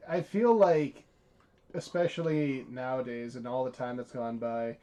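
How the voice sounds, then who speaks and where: A man's voice: medium pitch, measured pace, warm tone. Upbeat man chatting about hobby plans. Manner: upbeat, enthusiastic, hedging with "I feel like". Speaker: co-host. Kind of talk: casual unboxing chat.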